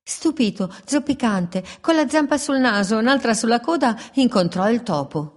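A woman reading a children's story aloud in a playful, expressive way, with repeated refrains. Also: on the high side, normal speed.

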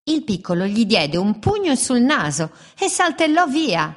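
A woman reading a children's story aloud in a playful, expressive way, with repeated refrains. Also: a little high, measured pace.

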